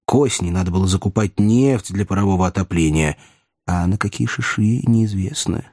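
A man reading a novel aloud in a lively, expressive storytelling manner. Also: low voice, a little fast, no echo, studio quality. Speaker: narrator. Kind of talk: audiobook reading.

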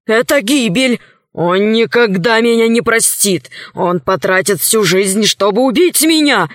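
A woman's voice: fairly high pitch, lively intonation, measured pace, dry recording, clean studio sound. A woman voicing a panicking old man, the lord of a fortress, in a storybook reading. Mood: panicked. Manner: shouting, frantic.

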